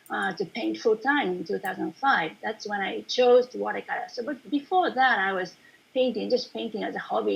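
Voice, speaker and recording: A woman from Japan, a painter, giving a casual online presentation over a video call, talking in a chatty way with many fillers and soft laughs. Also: medium pitch, vocal fry, husky, lo-fi sound. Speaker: watercolour painter presenting her work.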